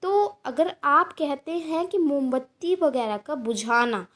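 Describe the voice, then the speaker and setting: An Indian woman teaching English vocabulary, with a high, light voice. She speaks slowly and deliberately. She repeats each word, spells it out, and reads example sentences with careful emphasis. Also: a bit bright. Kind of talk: vocabulary lesson.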